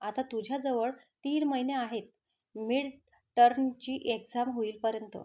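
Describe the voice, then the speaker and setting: Raj, a calm caring young man, read by a woman. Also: fairly high pitch, a little slow, lightly acted. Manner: calm, reassuring.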